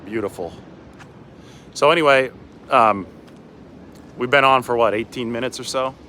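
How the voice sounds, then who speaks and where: Walking through city streets beside a river at dawn, an American man who reports on sports rambles through a casual livestream full of asides. He talks at a normal speed in a mid-range voice that sounds pushed and bright, with traffic and outdoor city sound around him.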